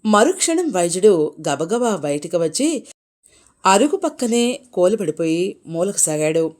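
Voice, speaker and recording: A woman narrating a moral folk tale in an expressive, animated storytelling voice. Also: on the low side, unhurried.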